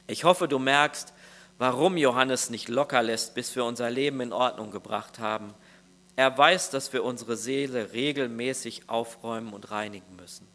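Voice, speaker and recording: A male pastor delivering a sermon in an earnest, searching tone, turning again and again to address the listener directly. His voice is bright and forward. He speaks at an ordinary pitch. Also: moderate pace.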